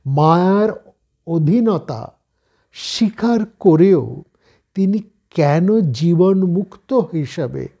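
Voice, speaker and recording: A man with a Bengali accent giving a slow, measured scripture discourse, explaining each point step by step. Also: a little high, animated, creaky, mellow, husky. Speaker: spiritual speaker.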